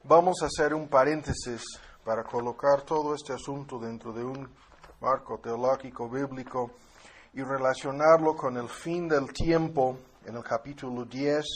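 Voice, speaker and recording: A man teaching a Bible class, explaining at a relaxed pace with tag questions and fillers, and reading scripture aloud before commenting on it. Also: medium pitch, slight background noise.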